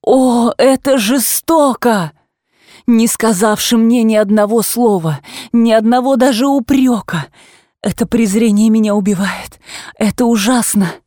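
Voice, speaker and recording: A woman reader voicing a remorseful young wife who pleads slowly and tearfully with her husband, rising into high cries. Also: dark tone, dry recording, studio quality, lightly acted. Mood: desperate. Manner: imploring, slow, breaking into high tearful cries.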